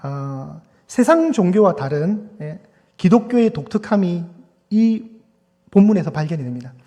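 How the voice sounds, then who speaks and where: A man's voice: high voice, very animated, measured pace, mellow, big-room sound. A man preaching a Sunday sermon as pastor, talking with the congregation and asking them questions. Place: church sanctuary.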